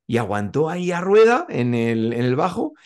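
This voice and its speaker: A man's voice: a little high, big pitch swings, normal speed, a little mellow. A man with a Spain Spanish accent recounting a group ride in casual chat, full of fillers and "macho". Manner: storytelling with hesitant fillers, says "macho".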